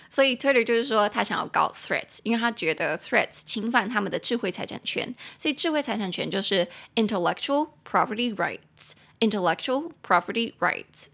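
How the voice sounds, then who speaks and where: Woman, young adult, podcast teacher, chatty and animated, vocal fry, sharp tone. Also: mid-range voice. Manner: chatty, animated, switches into English examples. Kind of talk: casual podcast lesson.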